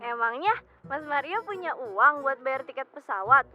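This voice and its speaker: A woman's voice: sits high, animated, normal speed, lo-fi sound, faint music behind. An actress playing a sweet, naive young woman who talks about herself in the third person, prim and earnest. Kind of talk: sitcom acting.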